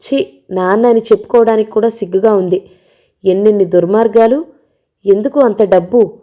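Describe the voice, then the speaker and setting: A woman's voice: medium pitch, moderate pace, close to an everyday voice. A woman voicing a weary sick young woman. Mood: weary pleading. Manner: soft, pleading, weary. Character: ill young woman, gentle and resigned.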